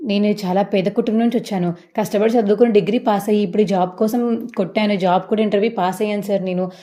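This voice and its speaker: A woman's voice: medium pitch, fairly even intonation, fast talker, warm tone, lightly acted. A woman voicing a young hospital clerk who tearfully pleads to keep her job. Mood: pleading.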